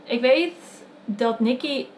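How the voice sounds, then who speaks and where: A woman's voice: high voice, takes it slowly, a little mellow, a little hiss or hum. A young woman with a Dutch accent, casually telling a personal story to the camera, chatty and full of fillers and self-corrections. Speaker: vlogger telling her birth story.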